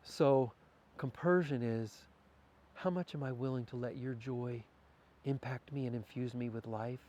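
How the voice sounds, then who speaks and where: A man's voice: medium pitch, a little slow, mellow, a little hiss or hum. A man as a podcast guest in a candid conversation, talking in a reflective, philosophical way and thinking aloud with small restarts.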